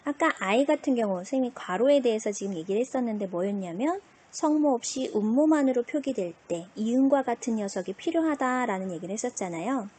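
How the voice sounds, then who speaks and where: A woman teacher giving an online language lesson. She asks questions and answers them herself in a lively classroom manner. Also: fairly high pitch, brisk, hardly any pauses, slight background noise.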